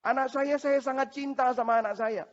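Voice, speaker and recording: High-voiced preaching man, echoey hall. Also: normal speed. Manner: animated storytelling, addresses the congregation directly. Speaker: pastor. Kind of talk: sermon. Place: church hall. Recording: echoey hall, dull lo-fi sound.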